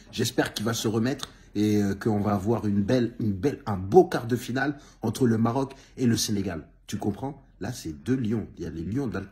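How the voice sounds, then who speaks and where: A man doing comic sports commentary to camera, animated and teasing, talking straight to players and fans with frequent exclamations. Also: medium pitch. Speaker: comedian giving a sports debrief.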